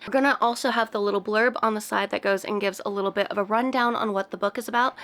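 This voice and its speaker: A woman's voice: mid-range voice, a bit bright. A young woman chatting casually about books she read, her voice a little off from a cold, rambling and laughing lightly. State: has a cold, voice a bit off. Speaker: book vlogger. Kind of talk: casual book review chat.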